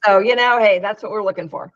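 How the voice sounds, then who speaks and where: A woman speaks fast in a mid-range voice, dry recording, during a casual video-call chat. She runs an inventors' meetup and talks frankly, often restarting and using fillers. The call audio is dry and dull.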